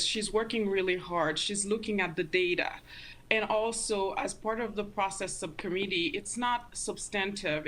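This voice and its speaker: A woman speaking as an interview guest, giving earnest, deliberate commentary and stressing her points. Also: medium pitch, fairly bright tone, rough recording. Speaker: interview guest, community advocate.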